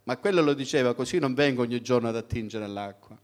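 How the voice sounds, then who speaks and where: A man's voice: medium pitch, fast talker. Man preaching with conversational questions. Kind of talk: sermon.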